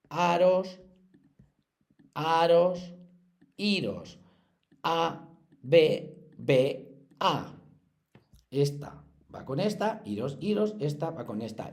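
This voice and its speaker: A man teaching secondary school pupils, his voice sitting a little high for a man. He explains in an easy, chatty way, speaks straight to the class and slows right down to count syllables out loud. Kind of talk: recorded lesson walking through textbook exercises.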